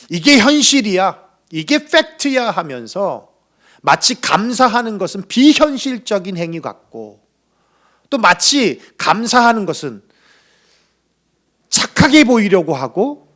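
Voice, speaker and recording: Lively-voiced male pastor preaching. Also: high voice. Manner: earnest preaching, rising to emphatic peaks. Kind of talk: sermon. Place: church.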